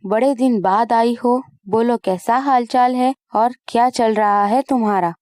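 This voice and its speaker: A woman's voice: on the high side, steady tone, measured pace, a little mellow, dry recording, studio quality, natural voice. A woman voicing a cruel, scheming mother-in-law in a cartoon story, harsh and commanding. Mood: gossipy.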